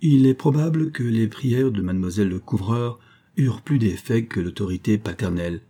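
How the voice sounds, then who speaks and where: A man narrating a historical novella as an audiobook in a measured storytelling manner. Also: lowish voice, dark tone.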